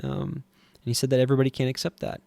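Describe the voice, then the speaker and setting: A man teaching scripture and reading it aloud, earnest and halting, with frequent restarts and moments of strong feeling. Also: medium pitch, little pitch movement, creaky, dark tone, no room sound. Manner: easily moved, voice swelling with feeling. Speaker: Bible teacher.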